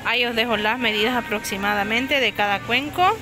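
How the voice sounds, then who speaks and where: Filming on her phone in a large discount supermarket, a shopping vlogger talks fairly quickly in a slightly high voice. She lists prices and sizes in a casual narration and corrects herself, while music plays under her voice.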